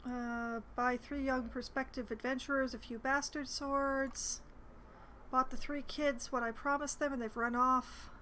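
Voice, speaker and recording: A woman talks through her video game playthrough in a casual way. Her voice is high. A faint noise runs under the recording. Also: level tone, a little slow, pushed and bright, rough recording. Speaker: player narrating a game playthrough.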